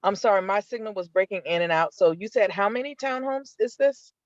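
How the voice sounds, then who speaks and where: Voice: mid-range voice, expressive, brisk, no echo, muffled recording. A community member asking pointed questions at a neighborhood meeting over a call connection that keeps breaking up. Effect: patchy call connection that breaks up.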